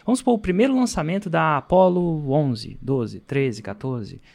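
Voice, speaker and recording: Brief: Brazilian man, high voice, lively storyteller in casual podcast talk. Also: moderate pace, creaky. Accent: Brazilian Portuguese. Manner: animated storyteller, laughs often. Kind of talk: casual chat.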